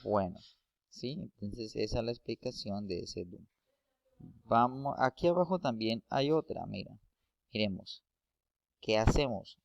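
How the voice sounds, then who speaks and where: Slow, patient man explaining a lesson. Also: fairly low pitch, creaky, a little mellow, no echo. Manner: slow, patient, repeats and checks with "¿sí?". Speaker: English teacher. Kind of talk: classroom explanation.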